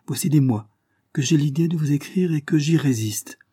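A man's voice: on the high side, normal speed, warm tone, husky, no echo, clean studio sound, pitched above the performer's own voice. A man reading the lines of an anguished young mother, in a pleading, weary voice heavy with grief. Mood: solemn. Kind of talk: audiobook character reading.

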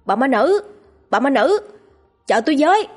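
A woman voicing a jumpy, grumbling young male apprentice exorcist who shouts when startled. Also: medium pitch, expressive, normal speed, husky. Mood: shouting. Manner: shouting, whiny.

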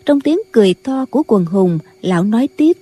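Woman audiobook narrator, mellow, husky, slightly high voice. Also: expressive. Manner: measured storytelling. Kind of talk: scripted narration.

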